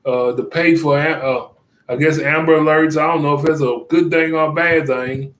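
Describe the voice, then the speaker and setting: A man giving casual commentary, rambling and halting with many fillers and restarts, chuckling often. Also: on the high side, fairly even intonation, a bit bright, roomy sound, rough recording.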